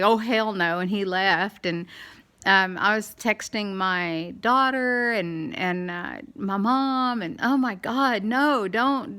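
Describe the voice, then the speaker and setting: A middle-aged woman with a slight lisp, talking candidly in a halting, rambling way as in a casual video diary. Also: medium pitch, bright, forceful tone, smooth. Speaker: dental implant patient vlogger.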